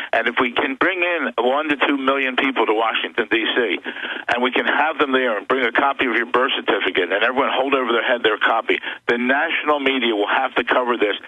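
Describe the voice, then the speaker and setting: A man's voice: mid-range voice, breathy edge, dry recording, narrow, tinny audio. A man who is an attorney, a guest on a talk radio show, speaking earnestly and insistently as he lists grievances.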